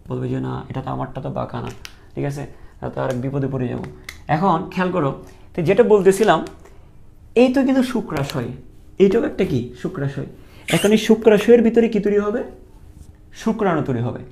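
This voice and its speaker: Gravelly male teacher drilling key terms. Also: high-pitched, a little mellow. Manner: repeats key terms as questions, drilling students. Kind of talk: online lecture.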